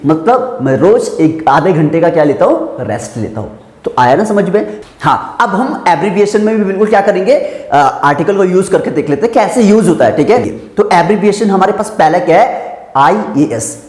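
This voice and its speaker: A man's voice: sits high, big pitch swings, normal speed, a little mellow. A man teaching English grammar in a classroom-style lesson, explaining step by step and asking and answering his own questions. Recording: echoey room with long reverb.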